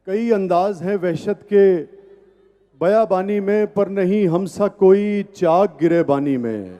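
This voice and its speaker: A man reciting tender romantic ghazals at a live poetry gathering, declaiming each line slowly and repeating it. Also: sits high, mellow. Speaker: poet reciting at a mushaira.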